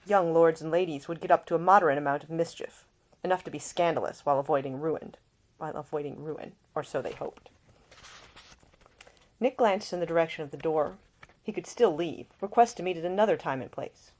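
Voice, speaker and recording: A woman with a low, darkish voice speaks briskly. She's an author at home, casually introducing her own fiction before reading it aloud as expressive audiobook narration in an informal storytelling style.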